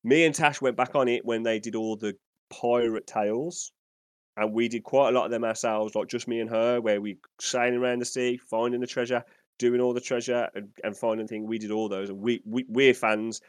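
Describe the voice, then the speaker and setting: A man's voice: medium pitch, fairly even intonation, fairly quick, clear, resonant tone, dry recording. A man co-hosting a gaming podcast, telling a story in a rambling, enthusiastic way. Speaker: podcast co-host. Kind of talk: casual storytelling chat.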